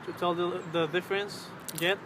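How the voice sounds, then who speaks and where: Young man, flat halting chat over outdoor noise. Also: high voice. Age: 20s. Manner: hesitant, halting, searching for words. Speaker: vlogger. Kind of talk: casual chat to camera. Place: outdoors on a riverbank under a road bridge. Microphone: camera's built-in mic at arm's length. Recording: clear outdoor traffic and ambient noise.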